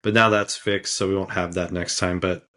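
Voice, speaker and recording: Guy w a bit of a cold, lowish voice, chill podcast co-host, lots of likes and ums. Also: level tone, normal speed, sharp tone. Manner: laid-back, lots of "like" and "um", laughs often. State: slight cold. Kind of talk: casual podcast chat.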